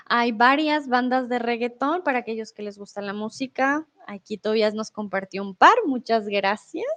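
A woman's voice: fairly high pitch, normal speed, fairly bright tone. A woman from Colombia with a Colombian accent, giving a casual live Spanish lesson and chatting with viewers. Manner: chatty, explains with examples and asks "¿vale?". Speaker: Spanish teacher on a livestream.

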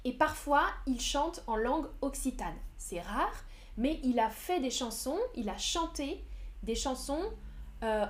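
A young woman teaching French on a live stream, speaking slowly and clearly, explaining words with simpler synonyms and answering viewers' chat. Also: on the high side, a little mellow. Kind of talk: live-streamed language lesson, reading chat.

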